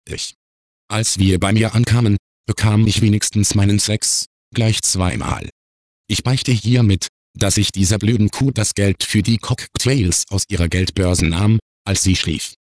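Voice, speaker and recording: Low-voiced man reading a confession. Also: darkish tone, no echo, studio quality. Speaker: narrator reading anonymous confessions. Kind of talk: scripted narration.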